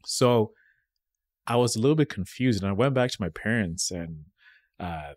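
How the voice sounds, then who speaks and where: A man's voice: fairly low pitch, animated, moderate pace, dry recording, studio quality. A young man from Kenya, whose first language is Swahili, telling reflective stories as a podcast guest in casual conversation. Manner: reflective storytelling, frequent "right?" tags.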